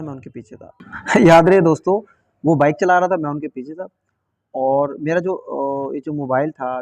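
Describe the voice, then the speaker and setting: A young man from Pakistan tells a story casually to camera. His voice sits a little high, and he talks in an animated way, repeating himself and chuckling as he goes. The sound is dry and close, with no room echo. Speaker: vlogger.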